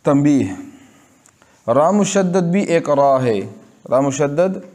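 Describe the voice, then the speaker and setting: A man with a Pakistani Urdu accent teaches recitation rules, repeating each example word and asking and answering his own questions. His voice sits a little high, and he talks at an unhurried, deliberate pace. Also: lively intonation, a little mellow. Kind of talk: slow tajweed lesson.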